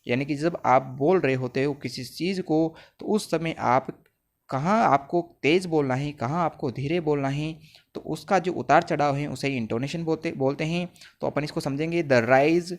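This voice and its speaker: Guy teaching exam answers, slightly high voice, slow on the english bits. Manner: reads English phrases slowly, then explains in Hindi. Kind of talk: exam paper lesson explaining answers.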